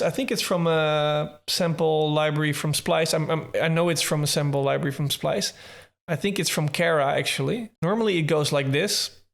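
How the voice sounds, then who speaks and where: A man with a somewhat high voice talks through his music production in a casual tutorial. He thinks aloud as he goes, hedging and restarting his sentences in a relaxed way. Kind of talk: casual tutorial talk from a livestream.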